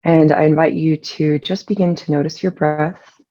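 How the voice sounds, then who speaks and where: The recording is muffled as a person with a mid-range voice leads a guided meditation. The delivery is calm and unhurried with long pauses, relaxed and gravelly with vocal fry.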